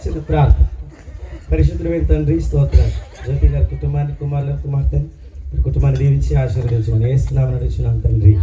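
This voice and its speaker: A man's voice: mid-range voice, fairly even intonation, racing, dark tone, natural voice. A man playing a courteous village pastor who visits a family to pray, in an amateur church skit. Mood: prayerful. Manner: courteous, pleading. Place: large church hall, live stage. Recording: echoey hall miked from far off, audience noise.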